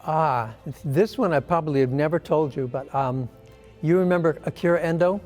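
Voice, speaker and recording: A man's voice: on the high side, normal speed, soft background music. An older man, a former artistic director of a ballet company, telling a funny backstage story with plenty of "um" fillers over a video call. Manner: animated storyteller, lots of "um" fillers. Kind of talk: casual anecdote in a conversation.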